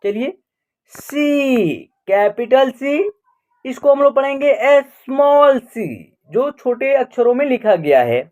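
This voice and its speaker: Slow, high-voiced woman teaching the alphabet. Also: lively intonation, warm tone. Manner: slow, drawn-out, repeats each letter with quiz questions. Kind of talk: online alphabet lesson.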